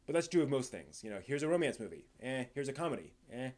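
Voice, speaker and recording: With a medium pitch, a darkish tone, and big pitch swings, a man hosts a casual live stream reacting to the news. He rambles and halts, restarting sentences often and pressing on points before trailing off.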